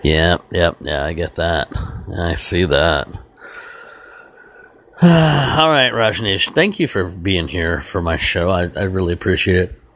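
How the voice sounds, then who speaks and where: A man's voice: low-pitched, lively intonation, slow, a bit bright. A man hosting a casual talk show, talking in a rambling way with many false starts. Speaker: host. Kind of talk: casual chat.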